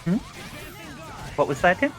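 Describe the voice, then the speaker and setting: A man's voice: measured pace, music in the background, rough recording. A man giving live play-by-play commentary on a fighting game tournament, explaining mechanics and history at length. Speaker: esports commentator.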